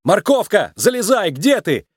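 A man's voice: on the high side, no room sound, studio quality, voice pushed up, natural voice. Nick, a man doing a wisecracking fox. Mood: frantic. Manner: quick, joking, panicky. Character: sly grown male fox, wisecracking.

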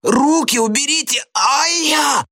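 A man's voice: rumbling low, sing-song, brisk, husky, no echo, clean studio sound, pitched below the performer's own voice, full character voice. A man doing a rude, sneering teenage schoolboy. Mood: yelling. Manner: sneering, whiny, yelling. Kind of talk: audiobook character voice.

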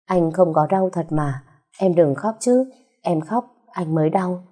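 In a tender, unhurried manner, the narrator of an audio story, a woman, portrays a loving young husband offering gentle reassurance. She gives him a low, mellow tone not far from her natural voice.

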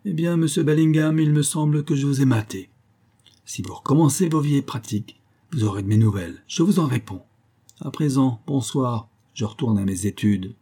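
Man voicing a stern student, commanding, threatening, low husky voice. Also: a little slow, hardly any pauses, warm tone. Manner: cold, commanding, clipped threats. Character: stern resolute young male student threatening. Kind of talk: audiobook reading.

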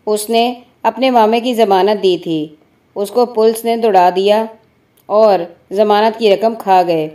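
A woman voicing a sharp-tongued, defiant working-class wife who scolds and protests in a spoken story. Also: medium pitch, fairly even intonation, lightly acted. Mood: indignant. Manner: snappy, scolding.

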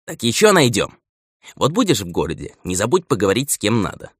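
Male narrator doing a lecturing old steward in an audiobook; lively, swooping delivery, raised a bit above his own low voice. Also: brisk, husky, no room sound, studio quality. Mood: scolding. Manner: nagging, lecturing elder. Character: old male steward, stern, patient, scolding.

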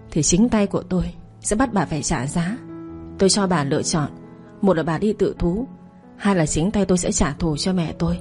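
A woman's voice: on the low side, darkish tone, close to an everyday voice. A woman narrator voicing a cold, vengeful young woman who declaims her threats steadily in a storytelling audio drama.

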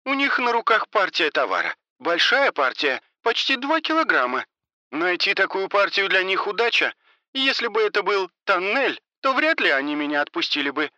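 A man's voice: high-pitched, very animated, normal speed, pushed and bright, no echo, voice pushed up, exaggerated voice. A man voicing a frightened woman caught up in drug dealing, talking in a scared, pleading way.

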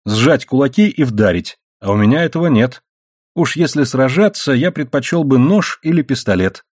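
Man voicing a calm, wryly amused young man. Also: medium pitch, normal speed, slightly rough, no echo. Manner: easygoing, dry, laughing off danger.

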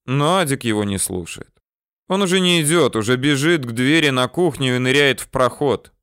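A man reading an audiobook in measured, unhurried narration. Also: fairly low pitch, fairly bright tone, smooth, dry recording, clean studio sound. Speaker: audiobook reader. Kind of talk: scripted narration.

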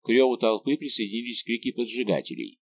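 A man narrates an adventure novel as an audiobook, telling it dramatically and vividly. His voice is medium-pitched and quick, with a little hiss or hum in the recording.

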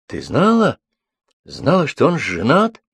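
A stern young Komsomol boss who lectures and scolds in a low, husky voice, read by a man. The recording is dry and close. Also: animated, normal speed, no room sound. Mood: stunned.

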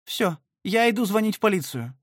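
A man voicing a kind, middle-aged aunt who gasps and scolds softly, in an audiobook. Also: mid-range voice, expressive, brisk, no echo, studio quality, pitched above the performer's own voice, lightly acted. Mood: scolding. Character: kind fussing aunt, middle-aged woman, soft-spoken.

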